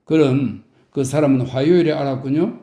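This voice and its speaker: A man's voice: mid-range voice, moderate pace, dark tone, natural voice. A man voicing a fretful, petty middle-aged wife who pouts and coaxes her husband, in a roomy recording. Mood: insistent. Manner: pouting, coy, slightly whiny. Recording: roomy echo.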